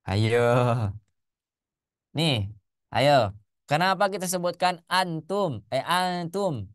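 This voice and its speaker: Smooth-voiced male Quran teacher. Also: a little high, lively intonation, dry recording, clean studio sound. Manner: questions the class, chants Arabic examples slowly. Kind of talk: classroom lesson.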